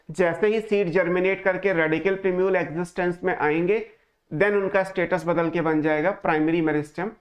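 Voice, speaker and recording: In a high-pitched voice on a lo-fi recording, a male teacher delivers an online lecture. He explains each step, raises questions and answers them himself, and mixes English phrases into his Hindi speech.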